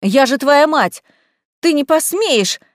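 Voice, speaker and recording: A woman voicing a spiteful, shrieking middle-aged mother in a storybook reading, high and sharp. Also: animated, slow pace, dry recording, clean studio sound. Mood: shrill outrage. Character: spiteful shrill middle-aged mother, town official's wife.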